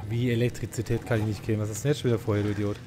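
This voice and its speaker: A man with a lowish voice delivers slangy, casual gaming commentary very fast and flatly over a noisy background. As a let's player, he playfully gripes and talks to the game's characters.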